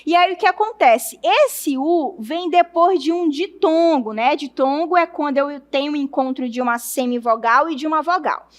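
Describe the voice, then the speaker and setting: A woman's voice: high voice, normal speed, few pauses. A woman teacher with a Brazilian Portuguese accent explains a lesson step by step, checking in with her students and drawing out syllables as she spells them. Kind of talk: classroom lesson.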